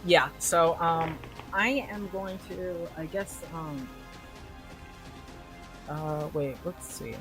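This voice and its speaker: A tabletop game player asking rule questions, thinking aloud with many pauses and fillers. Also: medium pitch, music in the background. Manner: slow, hesitant, thinking aloud. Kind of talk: casual chat in a tabletop game.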